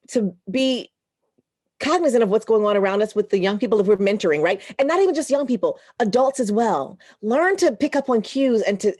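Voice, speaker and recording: A woman broadcaster speaks as a podcast guest in an earnest, animated voice that sits a little high. Her stories come in a heartfelt, conversational flow and she laughs easily. The recording is dry and close, with no room sound. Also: no echo.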